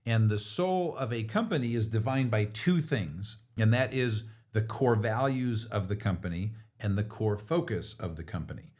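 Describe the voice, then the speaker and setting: A middle-aged man with a fairly low voice, talking through business concepts on a podcast. He explains in a relaxed, teacherly way. His speech is conversational. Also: normal speed, few pauses. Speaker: business author and podcast co-host. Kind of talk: casual podcast talk.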